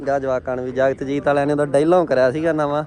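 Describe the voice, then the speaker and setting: Rapid-fire and steady, a man with a mid-range, darkish voice offers casual, friendly vlog commentary outside at a farm machinery fair, addressing viewers as pals. Engine and vehicle noise fills the outdoor recording.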